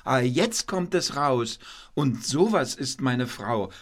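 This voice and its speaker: Cheeky puppet husband, as a man puts him on, slow delivery, playful, mishearing on purpose, puppet theatre. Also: medium pitch, animated. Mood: teasing. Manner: playful, feigns mishearing, whiny when scolded. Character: mischievous male puppet Kasper, teasing husband.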